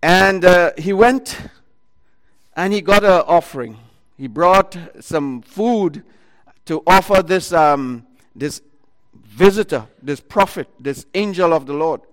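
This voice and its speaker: A man with a high-set voice preaches loudly into a microphone to a congregation, retelling a Bible story in a sermon. He speaks slowly in bursts, stopping, restarting, and filling gaps with "uh" and "um," and the sound has a big-room quality.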